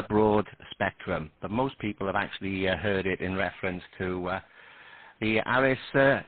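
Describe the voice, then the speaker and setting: A husky man talks as a guest on an amateur radio net, explaining things with a lively, up-and-down delivery and reading out call signs. The sound is thin and tinny, like a radio link. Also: medium pitch. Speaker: guest panellist. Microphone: radio transceiver.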